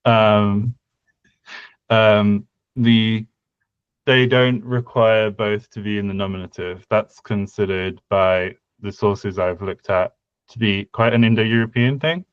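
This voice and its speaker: On a casual podcast about language design, a young co-host speaks slowly in a lowish, steady, clean voice, hesitating through many fillers and restarts. There's no echo, but the highs are cut off.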